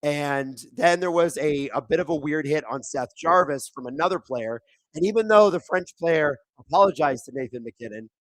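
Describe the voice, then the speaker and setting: The watchalong host's voice is on the high side, thin, raspy, and hoarse, and it sometimes squeaks as he talks at a moderate pace into a streaming microphone. He keeps things casual while reading viewer comments aloud, then bursts into excited play-by-play during big hockey moments. The recording is dry.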